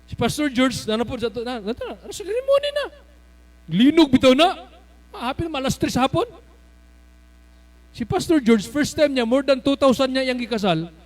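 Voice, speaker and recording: A man preaching a sermon as pastor, animated, breaking into shouts and laughter as he tells stories. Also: extremely high pitch, normal speed.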